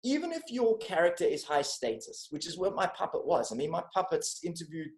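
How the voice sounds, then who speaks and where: A man's voice: on the high side, big pitch swings, a little fast, a little mellow. A South African man, a guest comedian, talking through his arguments on a video-call podcast with frequent restarts. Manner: analytical, building arguments with restarts. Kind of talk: podcast conversation. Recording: roomy video-call audio.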